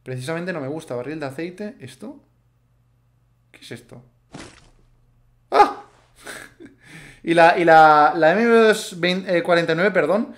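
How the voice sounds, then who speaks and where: Excitable young gamer, slightly high voice. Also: male voice, a little slow, long pauses. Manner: chatty, swings from muttering to excited shouts. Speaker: gaming youtuber. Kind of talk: live gameplay commentary.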